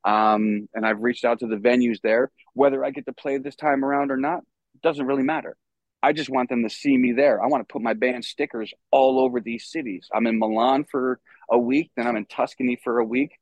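A man's voice: medium pitch, brisk, dry recording, rough recording. Rambling, easygoing man telling stories. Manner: rambling, loose, swears freely, lots of fillers. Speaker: podcast guest, stagehand and musician. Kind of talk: casual storytelling chat.

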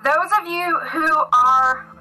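Woman game master, high voice, very bright tone, casual narration. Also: slow, faint music behind, low-quality recording. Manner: casual, many fillers and restarts.

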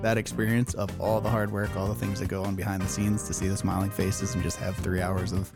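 Brief: quick, enthusiastic interview guest, man from Pennsylvania, lowish voice. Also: flat delivery, gravelly, over loud music. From Pennsylvania, USA. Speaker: guest, baseball team vice president. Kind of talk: casual interview chat.

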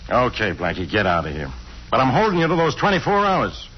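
An actor playing a gruff, suspicious police inspector, blustering and barking in 1940s radio drama style. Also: male voice, mid-range voice, huge pitch swings, brisk. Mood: gruff, threatening. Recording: muffled old-time radio recording.

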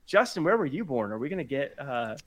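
A man from Tacoma co-hosting a casual wrestling chat, animated and quick to laugh. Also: medium pitch. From Tacoma, Washington. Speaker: podcast co-host.

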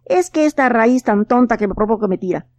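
A woman's voice: fairly high pitch, lively intonation, a little fast, darkish tone, natural voice. A woman voicing a grumpy, hot-tempered young boy in a storybook, sulky and whiny. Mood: angry.

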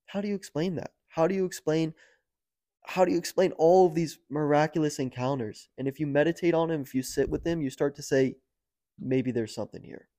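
A man's voice: fairly quick, no echo, clean studio sound. Young American man telling a story. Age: young adult. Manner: animated, rising to near-shouting at high points, lots of "like" and "dude". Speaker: guest. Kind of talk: casual podcast storytelling.

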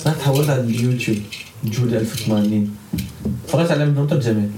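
A man's voice: medium pitch, very fast, noisy background. A man in a casual chat who rambles and repeats words. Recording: echoey room with crowd chatter behind.

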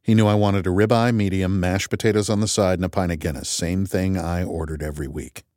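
A man narrating an audiobook in the first person, measured and wry, as if thinking aloud. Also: sits low, steady tone, darkish tone, dry recording, studio quality.

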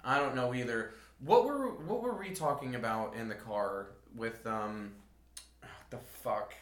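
A man's voice: mid-range voice, measured pace, echoey room. A man co-hosting a podcast, telling stories in casual, profane chat and acting out quoted people. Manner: profane, animated storytelling with quoted voices. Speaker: podcast co-host.

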